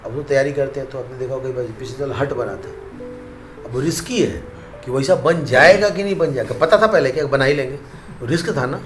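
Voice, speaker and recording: Speaking a little fast at medium pitch, a monk delivers a relaxed Hindi devotional talk sprinkled with English for young people, repeating phrases for emphasis and laughing at his own jokes. The sound is reverberant, with faint music behind him.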